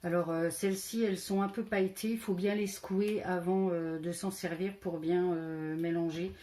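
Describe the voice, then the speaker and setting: A woman's voice: lowish voice, steady tone, moderate pace, mellow. A woman presenting her papercraft cards in a casual, hesitant way, with many fillers, and speaking with a French regional accent. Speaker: crafting vlogger. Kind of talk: casual craft show-and-tell.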